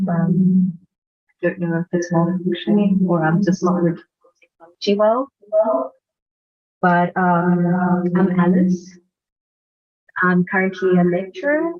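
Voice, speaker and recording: A woman with a fairly low voice speaks hesitantly, with many fillers, as she introduces herself on a panel call. The audio is muffled and lo-fi, as over a weak video call line. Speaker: game design lecturer. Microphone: video call with camera off.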